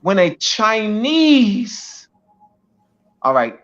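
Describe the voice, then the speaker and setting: A man giving a slow, deliberate teaching talk as a guest speaker, leaning on repetition and frequent "you know"s to press each point. His voice sits fairly high for a man. The audio is muffled and lo-fi. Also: very animated, a bit bright. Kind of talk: teaching talk on an online show. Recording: dull lo-fi audio.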